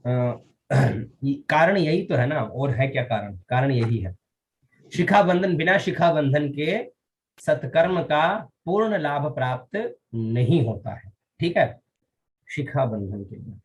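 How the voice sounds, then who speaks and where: Fast-talking man teaching Vedic ritual. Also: mid-range voice, animated. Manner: explains quickly, then chants mantra syllables slowly; often checks with students, asking "all right?". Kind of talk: online class teaching mantra recitation.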